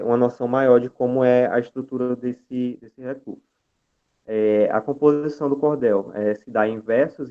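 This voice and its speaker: Hesitant Brazilian man on a tinny call. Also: medium pitch. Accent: Brazilian Portuguese. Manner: hesitant, many filler sounds and restarts. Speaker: guest speaker. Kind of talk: online lecture presentation. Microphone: video call. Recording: tinny video call audio.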